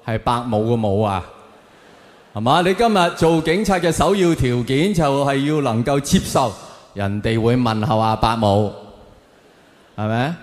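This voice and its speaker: This man from Hong Kong speaks with a Hong Kong Cantonese accent at a medium pitch with a darkish tone. He performs a stand-up comedy monologue to a live audience, sardonic and theatrical and packed with rhetorical questions. The echoey hall gives a long reverb.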